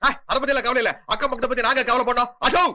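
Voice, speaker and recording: An actor playing a bumbling, boastful male kidnapper in a film comedy, with loud, exaggerated delivery. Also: extremely high pitch, fairly even intonation, racing, very noisy. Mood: mocking. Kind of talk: 1990s-2000s film comedy acting.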